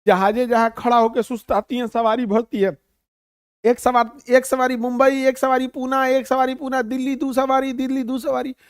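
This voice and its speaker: A man from Bihar with a Bihari Hindi accent, teaching a class in an animated, humorous way and calling his students "babu". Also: very high voice, normal speed, smooth, no echo, clean studio sound. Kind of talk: classroom lecture.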